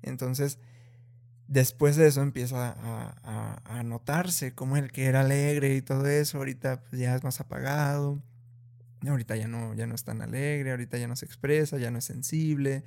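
A man in casual conversation who talks slowly and thoughtfully and raises his voice to act out scolding parents. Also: medium pitch, steady tone, creaky, darkish tone. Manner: slow and deliberate, many fillers.

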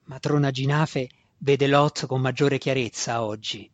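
A man's voice: medium pitch, steady tone, dry recording, close to an everyday voice. A man growling as a cruel faceless drow wizard. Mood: mocking. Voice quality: gravelly growl. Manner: snarling, mocking, slow menace. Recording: dull dry lo-fi recording.

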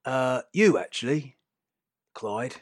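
A man's voice: mid-range voice, animated, slow pace, no room sound, clean studio sound, voice pushed up. A man putting on a lisping old ex-fighter. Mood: breezy. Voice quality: lisp. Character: battered old retired male pit-fight boss.

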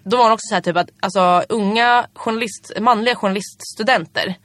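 Young female co-host, casual rambling storyteller, dry and close, middle pitch. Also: a bit bright, dry recording. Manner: rambling storyteller with many fillers. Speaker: podcast co-host. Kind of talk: casual chat.

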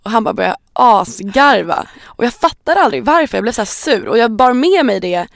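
A woman, casually telling a lively childhood anecdote as a podcast co-host. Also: fairly high pitch, vocal fry, no room sound, studio quality. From Stockholm. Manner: lively anecdotal, acts out quotes, swears casually. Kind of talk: casual chat, storytelling.

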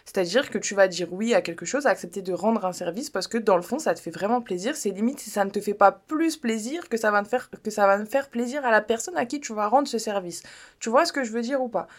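A woman's voice: medium pitch, fast. Chatty blunt woman podcaster. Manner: chatty, blunt and playful, slips in joking foreign-accent bits. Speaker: podcast host. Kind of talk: casual self-help podcast monologue.

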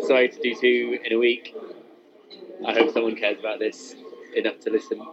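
A man's voice: mid-range voice, little pitch movement, moderate pace, crowd noise. A man co-hosting a casual podcast, rambling playfully with many ums. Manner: rambling, hesitant, playful with fillers. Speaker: podcast co-host. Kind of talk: casual chat. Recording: dull lo-fi home recording with clear noise.

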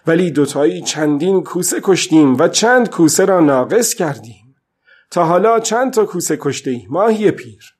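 A husky, worn-out old fisherman, read by a man, muttering to himself in a tired voice and then hardening into stubborn defiance. He lifts his pitch a little for this storybook figure, who stays alone and determined out at sea. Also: lively intonation. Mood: lamenting. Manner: talks to himself, swinging from weary murmur to defiant outburst. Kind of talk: audiobook reading.

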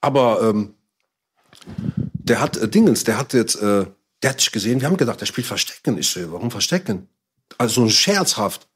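In a somewhat low voice with a breathy edge and a slightly quick pace, a man spins a casual yarn full of slang. He animatedly performs others' words and swears it's all true.

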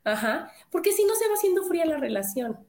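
A middle-aged woman with a Mexican accent, co-hosting a casual chat, talking in a lively way with many rhetorical questions. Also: extremely high pitch, fairly quick, a crowd in the background. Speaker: co-host. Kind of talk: casual chat reading viewer comments.

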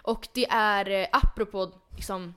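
A woman's voice: mid-range voice, steady tone, pushed and bright, smooth. Chatty woman podcast host. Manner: chatty, many fillers and restarts. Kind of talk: casual chat.

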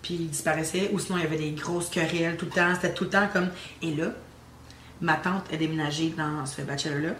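A young woman with a Québécois accent, casually telling an animated ghost story on a podcast. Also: low voice, fast. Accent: Québécois French. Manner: animated storyteller, teasing suspense. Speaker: guest telling her story. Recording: roomy with faint ambient noise.

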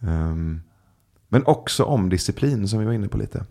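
A man chatting as a podcast guest, telling stories in a relaxed way with many filler sounds. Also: on the low side, creaky. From Sweden. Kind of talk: casual storytelling chat.

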